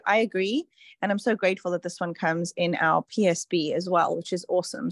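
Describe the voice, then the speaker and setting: Woman, chatty and explanatory, mid-pitched, close dry sound. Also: dry recording. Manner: chatty, explanatory, many fillers. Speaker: presenter on a product call. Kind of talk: casual online call.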